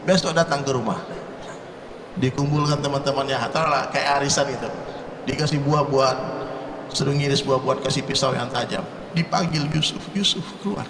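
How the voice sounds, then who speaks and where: A man's voice: medium pitch, fairly even intonation, fairly quick, roomy sound, long reverb tail, recorded from a distance, background noise. A man from Indonesia preaching to a congregation with humor, talking straight to the crowd and repeating phrases rhythmically. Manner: jokey, addresses the crowd directly, rhythmic repetition. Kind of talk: humorous religious talk to a congregation.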